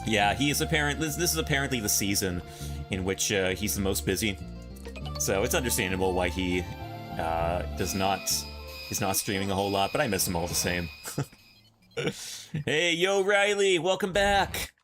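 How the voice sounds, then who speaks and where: A young man streaming a game, chatting casually with his chat, excitable and quick to laugh, often restarting his sentences. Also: lowish voice. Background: faint game music.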